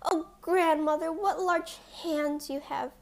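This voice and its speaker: A woman's voice: sits high, steady tone, slow pace, pitched above the performer's own voice. A woman playing an innocent, polite little girl from a fairy tale, earnest and wide-eyed. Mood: alarmed wonder.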